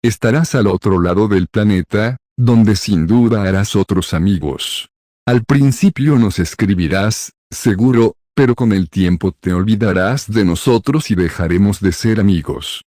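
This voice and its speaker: A man voicing an earnest, bookish teenage witch girl in a storybook reading, in his own low voice. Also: measured pace, mellow, dry recording, clean studio sound, lightly acted. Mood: worried. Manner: earnest, lightly scolding.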